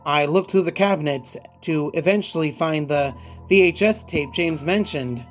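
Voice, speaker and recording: A man narrates a scripted horror story. His voice sits a little high, and music plays softly underneath. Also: moderate pace. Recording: music bed behind the voice. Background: background music.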